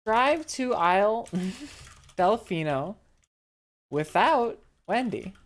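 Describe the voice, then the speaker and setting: A woman streamer reading her typed commands for a text adventure game aloud in a blunt, deadpan way. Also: medium pitch, extremely slow. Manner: blunt and deadpan, with bursts of laughter.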